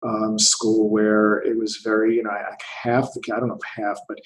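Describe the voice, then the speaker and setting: A man's voice: on the low side, flat delivery, moderate pace, echoey room, a little hiss or hum, poor audio. A man in his fifties from the United States, a theatre investor speaking as an interview guest, thinking aloud and often repeating words. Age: 50s. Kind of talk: conversational interview.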